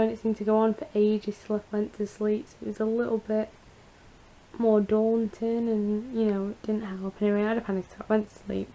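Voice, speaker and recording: A woman with a croaky, creaky voice after surgery, chatting casually in a rambling, confiding personal vlog update. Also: medium pitch, dark tone, low-quality recording. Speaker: vlogger.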